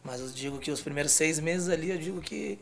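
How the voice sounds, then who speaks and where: A man's voice: fairly high pitch, fairly quick. A Brazilian man chatting casually as a guest on a talk show. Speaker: guest, professional footballer. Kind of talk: casual chat.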